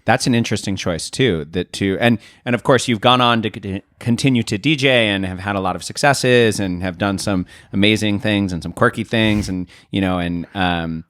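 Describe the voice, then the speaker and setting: Male podcast host, low-pitched, dry close mic, curious and probing interviewer. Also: normal speed, few pauses, fairly bright tone, dry recording. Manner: probing, thoughtful questioning. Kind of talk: interview conversation.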